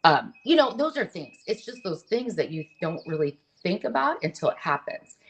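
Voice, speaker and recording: A middle-aged woman, a guest in an interview, talking openly and earnestly, often pausing and restarting her sentences. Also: on the low side, very animated, low-quality recording. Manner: earnest, open, halting with restarts. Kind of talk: candid conversational interview.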